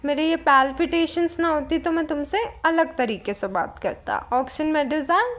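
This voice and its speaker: A woman's voice: high voice, measured pace. A woman voicing a quarrelsome, hypochondriac young male landowner who insists and protests. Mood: indignant. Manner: indignant, insistent retelling in Hindi-English mix.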